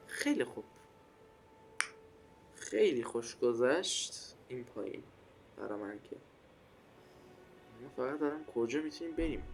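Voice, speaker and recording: A man giving casual, informal running commentary on a game, talking to himself and to his viewers. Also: mid-range voice. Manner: informal running self-talk, addressing viewers. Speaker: gaming video host. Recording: game music behind the voice. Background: loud game music.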